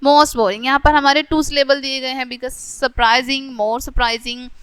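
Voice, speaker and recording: A woman teacher giving a grammar lecture, reading English rules slowly and then explaining them in Hindi, often checking in with "theek hai". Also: sits high, steady tone, fairly bright tone, clear, resonant tone, dry recording.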